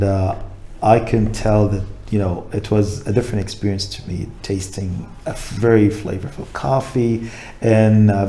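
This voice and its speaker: With a fairly low pitch and a warm tone, this man's voice has a little hiss or hum behind it. He's a middle-aged Jordanian coffee importer chatting casually as an interview guest, thoughtful, filler-heavy and quick to laugh.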